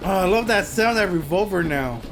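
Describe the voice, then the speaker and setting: A man giving chatty let's play commentary over a game, excitable and swearing. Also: sits high, a little fast, background noise. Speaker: gameplay commentator.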